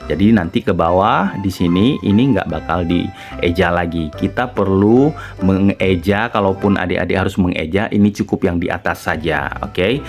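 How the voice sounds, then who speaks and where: Male reading teacher for kids: deep voice, over-enunciated syllables, patient repetition drills, music underneath. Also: moderate pace. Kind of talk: slow instructional lesson for children.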